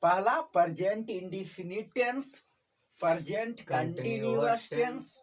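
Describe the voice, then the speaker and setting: A woman teaches a tuition class, repeating each term and frequently checking that students are following. Her mid-range voice is expressive and a little slow, picked up by a distant mic with faint background noise.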